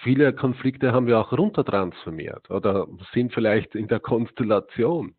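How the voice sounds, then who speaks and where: Over tinny, phone-like audio, a male lecturer addresses a seated audience live at a moderate pace, his medium-pitched voice carrying a breathy edge. He speaks emphatically, asks rhetorical questions only to answer them, and hesitates frequently, dropping in "ja" and a faltering "äh".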